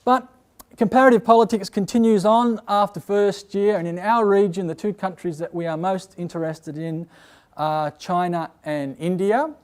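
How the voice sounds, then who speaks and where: An Australian man giving a university open day talk as a lecturer, measured and pausing often with "uh". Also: sits high, fairly even intonation, clean tone. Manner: measured, with frequent "uh" pauses.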